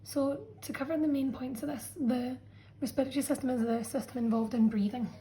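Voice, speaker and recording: A woman teacher walks students through a revision lesson in a patient, explanatory way, often pausing to check in. Her voice sits a little high but sounds mellow and warm. It comes across as a friendly classroom explanation. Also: fairly even intonation, rough recording. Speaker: science teacher. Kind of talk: revision lesson narration over a drawn diagram.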